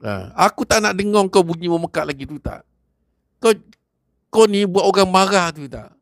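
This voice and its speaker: A man voicing an angry, short-tempered young village man who shouts and scolds in a high, strained voice. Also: lively intonation, moderate pace, no room sound. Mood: threatening.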